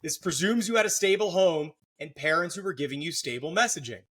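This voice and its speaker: A man's voice: fairly high pitch, fairly quick, fairly bright tone. A middle-aged man hosting a podcast, explaining psychology in a casual, joking way with lots of fillers. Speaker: podcast host, therapist.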